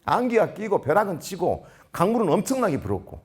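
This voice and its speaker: A man's voice: sits high, brisk, slightly rough. A middle-aged man giving a storytelling lecture to school leaders, acting out the dialogue as he goes. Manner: animated, acts out dialogue. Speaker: lecturer at a principals' training.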